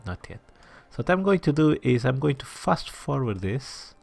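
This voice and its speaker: In a mid-range voice full of big pitch swings and vocal fry, a man hosts a city-building playthrough at a moderate pace. The audio has no echo, just faint music behind. He thinks aloud, mutters asides, sometimes whispers, and talks to viewers in a chatty, self-deprecating manner.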